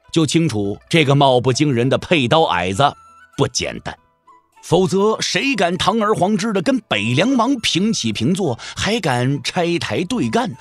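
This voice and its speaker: Narrating a Chinese martial arts story for audio drama, this storyteller speaks at medium pitch, lively and expressive, with a colloquial, wry manner.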